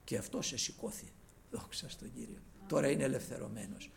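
A male preacher delivering a fervent sermon, calling his listeners brothers and swinging from loud exhortation to hushed asides. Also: medium pitch, animated, gravelly.

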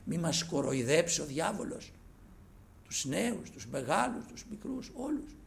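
A male preacher delivering a fervent sermon, calling his listeners brothers and swinging from loud exhortation to hushed asides. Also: fairly high pitch, sing-song, vocal fry, a little hiss or hum.

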